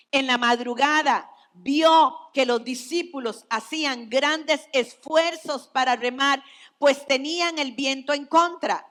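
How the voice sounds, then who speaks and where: A woman pastor from Costa Rica preaching a sermon, slow and emphatic, dropping at times to a hushed voice. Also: sits high, big-room sound. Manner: slow, emphatic preaching with dramatic drops to near whispers. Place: church.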